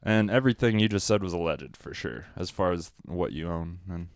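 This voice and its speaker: A man's voice: deep voice, expressive, fairly quick, smooth, no room sound. A man co-hosting a casual podcast, joking crudely and laughing often. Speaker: podcast co-host.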